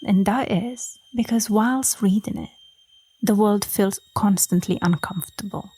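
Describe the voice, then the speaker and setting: A woman from Romania hosting a book-talk podcast, speaking softly and sometimes dropping to a whisper. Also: medium pitch, measured pace, husky. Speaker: podcast host.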